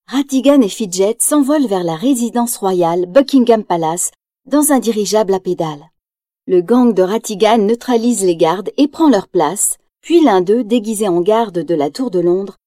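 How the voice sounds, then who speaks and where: A woman narrating a children's storybook aloud, lively and expressive. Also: mid-range voice, moderate pace, no echo, clean studio sound. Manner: lively, acts out quotes in raised voice.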